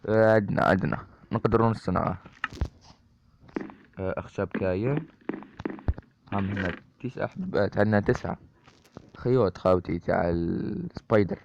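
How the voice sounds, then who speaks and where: A man's voice: fairly low pitch, normal speed, creaky, long pauses. A man with an Algerian Arabic accent giving chatty let's-play commentary, talking straight to his viewers as brothers. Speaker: gaming YouTuber. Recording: dull lo-fi mic with steady noise.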